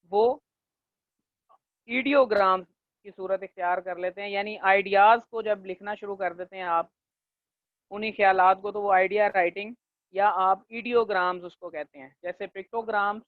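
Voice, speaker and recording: A male linguistics lecturer teaching a class, leaning on fillers and checking in often, and slowing down to dictate definitions. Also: sits high, no echo. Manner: leans on the filler "jo hai na" and checks in with "theek hai"; slows down to dictate English definitions. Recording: tinny, dry, phone-like recording.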